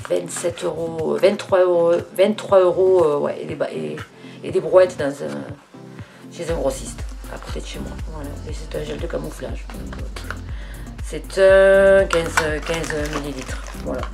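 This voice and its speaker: A woman's voice: fairly low pitch, vocal fry, darkish tone. A middle-aged woman, chatting casually through a beauty haul with many fillers and restarts. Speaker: beauty vlogger. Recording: faint music behind.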